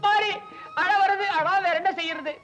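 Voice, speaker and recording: A whiny lovesick young devotee. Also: male voice, very high-pitched, moderate pace. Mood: fretful. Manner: whiny, comically fretful, chanting prayers. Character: bumbling lovesick young male devotee, timid. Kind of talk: old film comedy dialogue. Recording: old film soundtrack with loud music.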